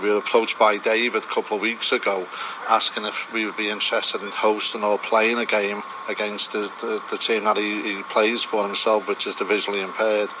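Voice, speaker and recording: A man's voice: fairly low pitch, little pitch movement, fairly quick, background noise. A man talking casually as an interview guest. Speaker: interview guest, cricket club member.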